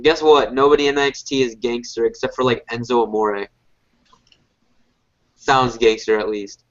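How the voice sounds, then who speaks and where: A stuffy-nosed man chats loosely on a podcast, piling up "like" and half-finished thoughts as he restarts sentences. His voice sits at an everyday middle pitch. The audio is dull and lo-fi, a home podcast recording. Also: steady tone, normal speed. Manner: rambling, filler-heavy, frequent restarts. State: congested, a little sick. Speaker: podcast co-host. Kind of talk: casual wrestling review chat.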